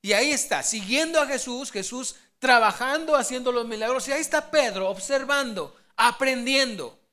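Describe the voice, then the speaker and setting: At normal speed and high pitch, a preacher's bright, sharp voice carries an animated sermon story to the congregation, quotations acted out in sudden, vivid bursts.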